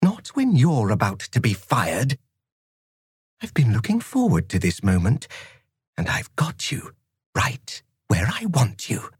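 A woman's voice: very deep voice, sing-song, a little slow, a little mellow, slightly rough, dry recording, clean studio sound, voice pushed up, heavily acted. A man voicing a cold, cruel female assistant principal who speaks in an icy, whispery, clipped manner. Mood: icy menace. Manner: clipped, menacing.

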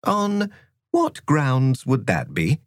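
A man voicing a cheerful, calm and whimsical male teacher with a genteel, jolly manner. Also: mid-range voice, extremely slow, no echo, studio quality, pitched above the performer's own voice, heavily acted.

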